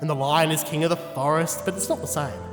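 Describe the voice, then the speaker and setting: An actor playing a gallant living scarecrow in an audio drama, earnest, fretful and emphatic. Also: male voice, fairly high pitch, fast talker, roomy sound, in a large hall, over music, natural voice. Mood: reflective.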